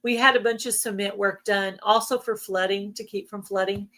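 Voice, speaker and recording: Woman chatting, bright voice strained by allergies. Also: medium pitch, steady tone, normal speed. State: losing her voice from allergies, throat clearing. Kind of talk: casual chat.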